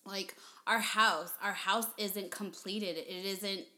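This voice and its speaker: A woman's voice: mid-range voice, steady tone, takes it slowly, pushed and bright. A woman chatting casually with her husband for their vlog, chatty and giggly, rambling a little. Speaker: wife in a couple's vlog. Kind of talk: casual chat.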